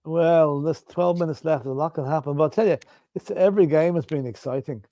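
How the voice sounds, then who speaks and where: A man's voice: fairly high pitch, brisk, dark tone, dry recording. A man co-hosting a live watchalong, giving matter-of-fact play-by-play in casual talk. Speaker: stream co-host. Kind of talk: casual live match commentary.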